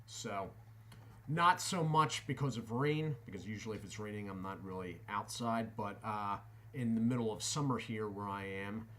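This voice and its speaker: A man giving a casual product review in deliberate, halting short phrases, talking with tobacco pouches tucked in his lip. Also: lowish voice, a bit bright, a little hiss or hum.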